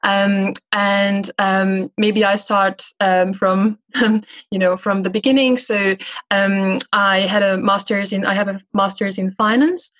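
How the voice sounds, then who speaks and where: Woman in her thirties, interview guest, halting delivery with frequent fillers. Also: medium pitch, fairly even intonation, fairly bright tone. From Hungary. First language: Hungarian. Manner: hesitant, frequent filler sounds. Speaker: guest investment manager. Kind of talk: conversational interview answers.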